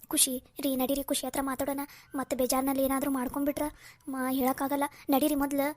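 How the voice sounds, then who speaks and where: A fretful middle-aged mother, voiced by a woman in a cartoon family drama. Her voice sits high and moves fast. She soothes her daughter and complains bitterly about her daughter-in-law. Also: level tone, darkish tone, natural voice. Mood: worried.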